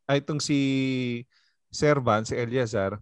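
A pastor leading a casual Bible study group, joking and retelling scripture in conversation. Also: male voice, medium pitch, measured pace, no room sound. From Philippines. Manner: jokey, conversational, reads scripture aloud.

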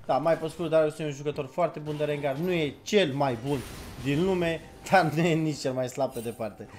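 A man's voice: fairly high pitch, darkish tone, slight background noise. A man hosting a casual gaming chat, talking loosely with fillers and laughs. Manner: chatty, laughing, filler-heavy. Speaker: streamer host.

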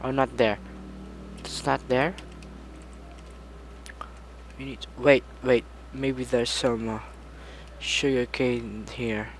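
Slow, chatty man narrating gameplay. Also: mid-range voice, slight background noise. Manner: rambling, chatty, prone to sudden excited outbursts. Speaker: gaming channel host. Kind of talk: casual gameplay commentary.

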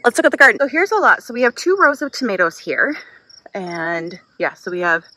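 A woman's voice: fairly high pitch, big pitch swings, a little fast, pushed and bright, poor audio. A Midwestern woman in her thirties, chatting casually and upbeat to a handheld camera while walking through her outdoor garden. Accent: Midwestern American. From Wisconsin. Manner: chatty, upbeat, self-deprecating. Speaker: vlogger, mom.

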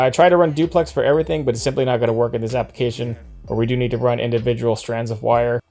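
A man with an ordinary mid-range voice narrates a do-it-yourself boat build in a relaxed, practical way. He talks through each step as he works. Faint music runs quietly underneath. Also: medium pitch. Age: adult, father of a son. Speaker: boat-building channel host. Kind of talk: casual how-to narration while working. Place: outdoor driveway workshop beside a boat.

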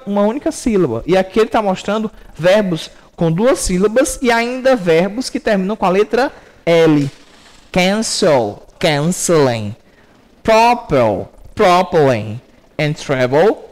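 A high-voiced man with a Brazilian accent teaches a recorded English class. He explains things step by step and keeps checking in with a frequent "ok?".

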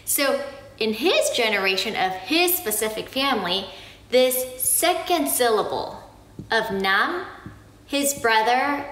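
A woman from Korea explaining something slowly and patiently, often checking in with "okay?". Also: on the high side, a bit bright, reverberant, low-quality recording. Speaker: family vlogger explaining Korean naming. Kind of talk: casual explanatory talk to camera.

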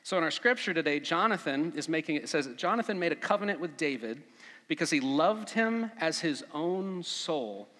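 A man preaching a conversational sermon as pastor at a pulpit microphone, relaxed, with frequent fillers. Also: on the high side, normal speed. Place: church sanctuary. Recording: long church reverb.

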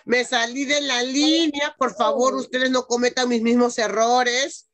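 A woman's voice: on the high side, fairly even intonation, measured pace, a bit bright. A woman teaching an online class to young children, patiently dictating and sounding out words syllable by syllable over a video call. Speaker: primary school teacher.

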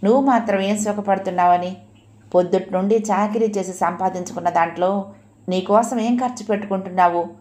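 A woman reading an audio novel, voicing a gentle, long-suffering aging mother in a hushed, pleading tone. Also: mid-range voice, steady tone, fairly quick, close to an everyday voice. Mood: tearful.

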